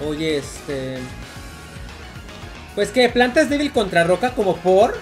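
A woman's voice: medium pitch, very animated, music in the background. Ranting Mexican woman gaming streamer. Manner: profane, quick, repeats herself, ranty. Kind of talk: casual gameplay commentary.

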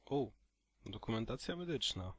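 A man's voice: mid-range voice, big pitch swings, normal speed, fairly bright tone, slightly rough, no echo. A man giving casual gameplay commentary, muttering and mildly cursing as he goes. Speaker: gaming streamer.

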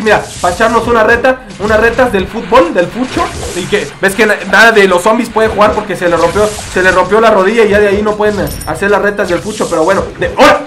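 A man's voice: high voice, fairly bright tone, a little hiss or hum. A young man with a Mexican Spanish accent, joking and rambling through a running commentary as he plays a mobile game. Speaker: gaming video creator. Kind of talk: playing a mobile game on camera.

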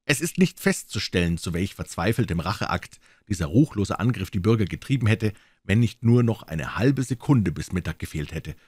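Lively, low-voiced male storyteller. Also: normal speed, slightly rough, dry recording. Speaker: audiobook reader. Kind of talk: scripted story narration.

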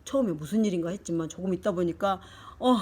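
An older woman, a grandmother, reading a picture book to her grandchild, lively and chatty with little asides. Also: on the low side, fast. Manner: animated, shifting into character voices and asides.

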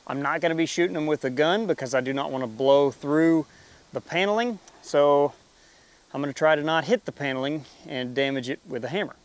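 A young man with a fairly high voice hosts a DIY farm channel, narrating a casual building tutorial as he thinks aloud in a plain, unhurried way. He's working outdoors in a farmyard, picked up from a distance by the camera.

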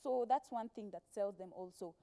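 Her medium-pitched voice is mellow with some vocal fry, moving at a moderate pace. The Kenyan actress, in her twenties, chats casually as a TV interview guest on a studio sofa, telling stories that include quoted speech, captured by a clip-on lapel mic.

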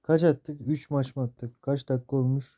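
A young man in his late teens giving casual gameplay commentary, cursing and blurting out excited reactions as he plays. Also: mid-range voice, moderate pace, dull audio, slight background noise. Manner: profane, excitable outbursts while playing. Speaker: mobile gaming youtuber.

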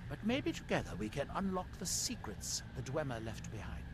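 A man's voice: mid-range voice, sing-song, a little fast, noisy background, close to an everyday voice. An actor playing a haughty, condescending old male elf wizard in video game dialogue, speaking in a lofty, precise way. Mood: lecturing. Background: game music.

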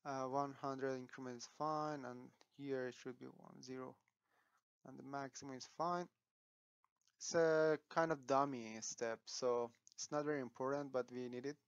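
Man talking through a software tutorial. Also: medium pitch, fairly even intonation, normal speed, clear, resonant tone, dry recording, dull audio. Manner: unscripted, thinking aloud, frequent fillers and restarts. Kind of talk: screen-recorded software tutorial.

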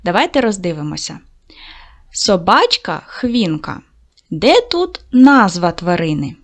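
A woman teaching a video lesson to second graders, with an encouraging manner that speaks slowly to young children. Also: lowish voice, sing-song. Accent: Ukrainian. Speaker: primary school teacher.

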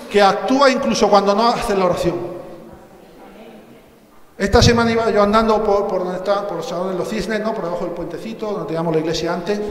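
Spanish pastor guy, fairly high voice, joking sermon stories, big echoey church hall. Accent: Spanish from Spain. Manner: storytelling, jokey asides, acts out dialogue. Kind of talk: sermon with humorous anecdotes. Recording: echoey hall with long reverb.

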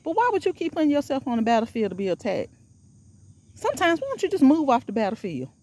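A woman's voice: sits high, huge pitch swings, fast, darkish tone. A middle-aged woman vlogging while walking outdoors. She is out of breath and preaches with a repetitive, exhorting style.

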